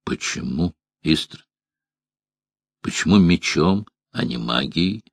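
A man reading the part of a calm, stern male monster hunter who speaks slowly and quietly in an audiobook. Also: a bass voice, gravelly, husky, no echo, studio quality, exaggerated voice. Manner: slow and quiet.

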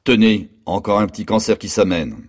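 A man reading aloud, voicing a stocky, hoarse male hospital patient who speaks bluntly and with rough familiarity. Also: on the low side, brisk.

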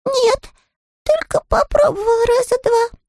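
A small, earnest bear cub speaks in a very high, thin voice, timid and apologetic, as a woman reading the storybook voices him. His lines sound plaintive and a little pitiful, and the recording is dry and close. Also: a little slow, a little mellow, no room sound.

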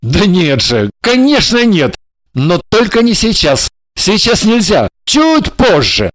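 A woman's voice: medium pitch, wildly swooping pitch, slow, dry recording. A woman voicing a scheming man who coaxes and placates his impatient lover in an audiobook. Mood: placating. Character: scheming male lover, smooth and evasive. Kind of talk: audiobook character voice.

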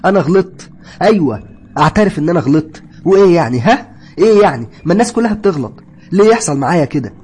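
A man's voice: mid-range voice, big pitch swings, quick pace, darkish tone, slight background noise, close to an everyday voice. A man voicing a frightened, guilt-stricken young woman in a horror story, speaking in an Egyptian Arabic accent with a raised, strained voice. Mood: tearful, defiant.

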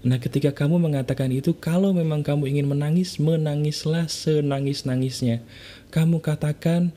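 A man hosting a motivational podcast, speaking straight to the listener, asking for agreement and guiding a slow self-healing exercise. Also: on the high side, fairly even intonation, warm tone. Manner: addresses the listener directly, asks for agreement, slows to deliberate coaching.

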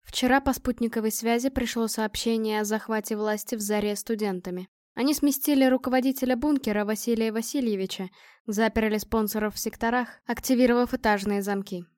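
A stern woman leader reads out a report in a dry, businesslike tone, as a narrator puts her on in her own voice. It is an audiobook read with a slightly high voice and a dry, close sound. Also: steady tone, fairly quick, darkish tone, no room sound, close to an everyday voice.

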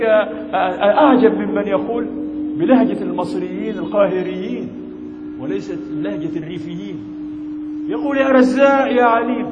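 A man's voice: high voice, lo-fi sound. A man with a Cairene Egyptian accent teaching a theology text as a sheikh. He keeps asking rhetorical questions and mixes classical Arabic with colloquial speech. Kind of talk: classroom lecture. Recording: echoey hall with humming noise.

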